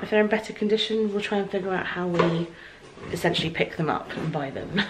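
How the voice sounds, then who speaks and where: Walking through her house under renovation, a thirtysomething British woman vlogs in a chatty, casual way to a camera held at arm's length. She speaks quickly in a lowish voice, with background noise.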